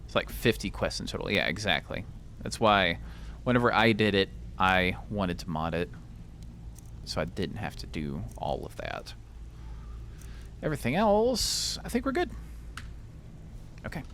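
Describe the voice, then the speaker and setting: A man's voice: low voice, moderate pace, creaky, a bit bright, slight background noise. A man giving let's play commentary with rambling, joking asides. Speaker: gamer.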